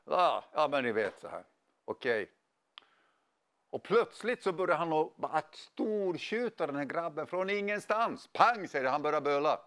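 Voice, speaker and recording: Lively storytelling male pastor. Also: a little high. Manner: animated storyteller, casual slang. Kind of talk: sermon with storytelling.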